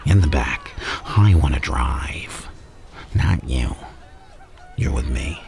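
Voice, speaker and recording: A man playing a menacing, theatrical mad clown mastermind in an ASMR roleplay, insinuating and drawn-out, with a gravelly voice that slips into breathy whispers. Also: very deep voice, expressive, darkish tone, full character voice. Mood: philosophical, sly. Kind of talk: ASMR roleplay villain monologue.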